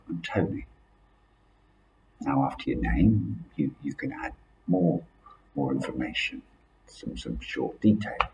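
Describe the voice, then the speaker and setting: A man's voice: rumbling low, gravelly, a little hiss or hum, poor audio. A man with a British accent teaching a casual spoken lesson as an accent coach. He often repeats words as he restarts and keeps checking in with "see?".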